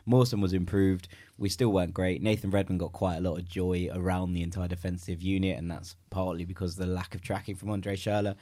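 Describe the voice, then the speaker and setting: A man's voice: low-pitched, little pitch movement, fairly quick, few pauses, mellow. A man hosting a football fan podcast, chatty and jokey as he reads plugs and gives opinions. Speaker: podcast host. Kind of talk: casual fan podcast chat.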